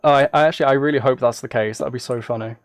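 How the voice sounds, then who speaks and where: Playing at a computer indoors, a man streams a game live and talks fast at medium pitch with a steady tone, his chatter casual, rambling and self-amused. No room sound is present, but clear background noise and keyboard and mouse clicks are.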